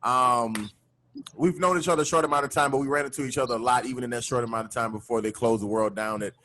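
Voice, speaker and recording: Brief: male podcast host, easygoing and slangy, mid-pitched voice, faint noise on a video call line. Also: fairly even intonation, fast, pushed and bright. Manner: laid-back, slangy, lots of fillers. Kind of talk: casual chat.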